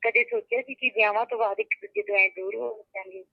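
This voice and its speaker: A woman's voice: medium pitch, steady tone, fast, vocal fry, dry recording. A woman playing a married friend who comforts her old college friend over a phone call, with an emphatic, reassuring manner. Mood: consoling. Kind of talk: web drama acting.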